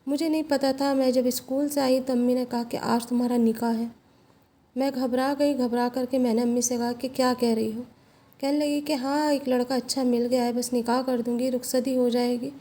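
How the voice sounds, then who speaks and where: Woman reading out a sad life story, high voice, pretty flat, soft mellow tone. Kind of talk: first-person story narration.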